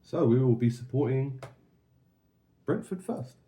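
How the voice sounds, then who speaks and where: A man's voice: medium pitch, expressive, measured pace, dark tone. A man chatting casually and bantering as he calls out football cards one by one as a co-host. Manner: playful, bantering. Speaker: co-host opening football card packs. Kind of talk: casual chat with card-by-card commentary.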